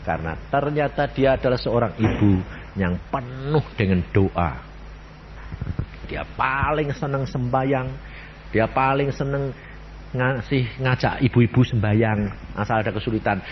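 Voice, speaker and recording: A man's voice: medium pitch, a little slow, dull audio, slight background noise. A man, preaching a sermon and firing rhetorical questions at the congregation. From Central Java, Indonesia. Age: 80s. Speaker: evangelist preacher.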